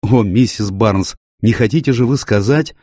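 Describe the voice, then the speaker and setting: A man's voice: lowish voice, normal speed, a little mellow, slightly rough, dry recording, studio quality, voice pushed up. A man voicing a weary, tender young woman who speaks in an affectionate, pleading way.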